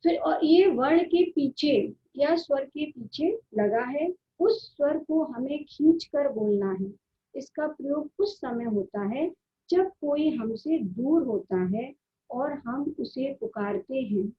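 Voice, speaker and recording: A woman teacher giving a grammar lesson, explaining slowly and drawing out the sounds she demonstrates. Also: high-pitched, expressive, dull audio. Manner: slow, drawn-out explanation with repeated vowel sounds.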